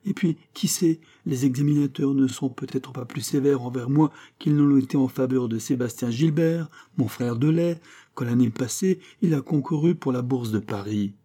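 Guy doing a whiny pleading teen schoolboy, raised voice, mellow tone, audiobook. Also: medium pitch, normal speed, pitched above the performer's own voice, lightly acted. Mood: pitiful. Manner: pleading, whining. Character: clumsy teenage schoolboy, pleading and pitiful.

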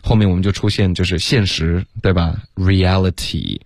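A man's voice: low-pitched, steady tone, fairly quick, no room sound, studio quality. A man teaching English pronunciation on a radio lesson, patient and explaining sounds step by step. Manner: patient, breaks sentences into sounds, slips into English. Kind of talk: radio lesson, co-hosted chat. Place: radio studio.

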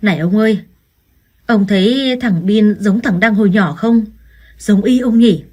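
A harsh, accusing older mother-in-law from a storybook reading, put on by a woman narrator. She scolds shrilly and spitefully, and her voice carries a husky, breathy edge. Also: medium pitch, a little slow, a little mellow, lightly acted. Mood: sly.

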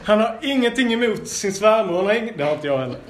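A man teaching a Bible school lesson, reading scripture aloud and adding lively, playful asides. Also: high voice, noisy background.

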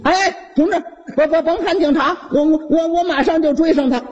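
Man doing a well-meaning ex-soldier, Beijing accent, stammers, calls out high and urgent. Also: fairly even intonation, brisk, muffled recording, a crowd in the background. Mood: earnest. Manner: stammering, earnest. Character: earnest, stammering demobilized soldier on a bike.

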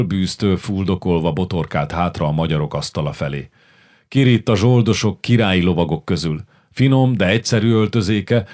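A man narrating a historical novel in an audiobook, measured and expressive. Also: sits low. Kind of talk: scripted narration.

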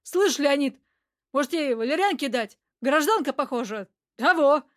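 Woman reader doing a coarse, yelling man in hiding, defensive and hot-headed, pitched fairly high for a man, for an audiobook. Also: lively intonation, moderate pace, dry recording, studio quality. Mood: rude. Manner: shouting, coarse street talk. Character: rough, hot-tempered hunted man, loud and defensive.

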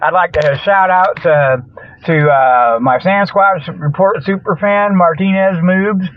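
On a thin radio line that sounds like a phone, a comedy show host with a high voice babbles unhurriedly. His talk is folksy and colloquial, packed with jokes and regular chuckles.

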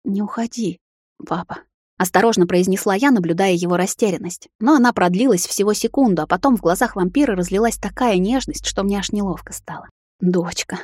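A woman reading a romantic fantasy audiobook in calm, even first-person narration on a close mic. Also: mid-range voice, fast talker, no echo.

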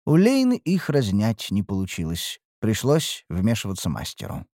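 Man, audiobook narrator, first-person storytelling, expressive, lively intonation, dry close recording. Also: fairly low pitch, moderate pace, dry recording.

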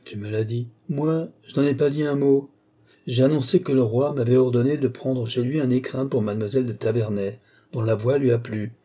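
A man's voice: mid-range voice, steady tone, a little fast, mellow, close to an everyday voice. A man voicing an aged, mannered court duke who mocks and lectures in an affected, theatrical way. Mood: sly mocking.

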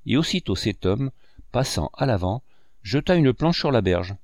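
A man narrating a classic novel in a measured storytelling manner. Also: medium pitch, sing-song, darkish tone, dry recording, clean studio sound. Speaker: audiobook narrator.

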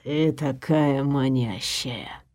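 Woman putting on a low hushed middle-aged man, dark voice, slow murmur, audiobook. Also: heavily acted. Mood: hushed tender. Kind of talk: audiobook character voice.

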